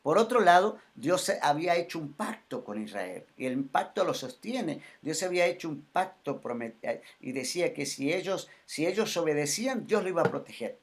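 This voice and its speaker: Argentine-sounding pastor guy preaching, kinda high voice, repeats himself a lot, gets loud then quiet. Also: lively intonation, normal speed, hardly any pauses. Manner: emphatic, repetitive preaching with sharp swings in loudness. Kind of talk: sermon.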